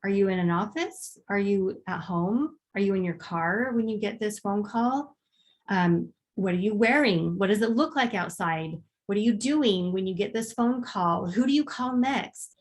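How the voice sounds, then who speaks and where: A woman's voice: mid-range voice, lively intonation, moderate pace. Woman leading a casual workshop. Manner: conversational, with frequent ums and acted examples. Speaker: workshop presenter.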